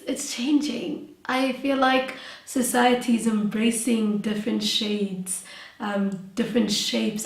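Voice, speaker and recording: Young South African woman, interviewee, slow and gravelly, recorded from afar in an echoey room. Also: mid-range voice, far from the mic. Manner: soft-spoken, giggly, hesitant with many ums. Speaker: interviewee, nail tech. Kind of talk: casual interview.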